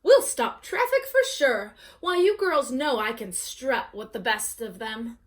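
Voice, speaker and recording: A woman voicing a vain, excitable farm hen in a children's storybook, gushing and theatrical. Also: a little high, measured pace. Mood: excited, boastful. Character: vain, excitable glamour-loving farm hens.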